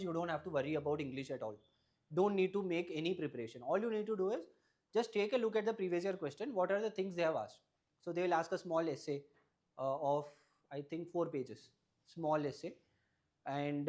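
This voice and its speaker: In an interview, a young exam topper whose first language is Malayalam explains his study strategy and gives advice, often finishing points with a questioning "right?" His voice is slightly high and a little mellow.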